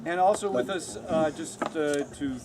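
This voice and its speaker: A man's voice: on the high side, a little slow. Eager male panel moderator, noisy room. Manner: enthusiastic, fan-like, introducing guests. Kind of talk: convention panel Q&A.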